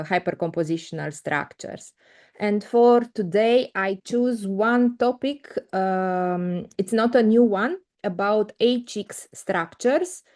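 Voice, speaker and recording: A woman's voice: medium pitch, darkish tone. Middle-aged woman from romania giving a math talk over video call, lots of uh and restarts. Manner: hesitant, many fillers and restarts. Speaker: invited conference speaker. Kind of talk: online mathematics lecture. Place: indoor room, video call. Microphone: laptop mic on video call.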